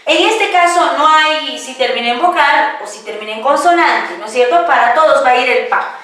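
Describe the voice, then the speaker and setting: A woman's voice: sits high, lively intonation, moderate pace, sharp tone. A woman teaching a language class, patiently asking the class questions and answering them herself, often checking with tag questions. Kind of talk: classroom grammar lesson. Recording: echoey room, voice from far off.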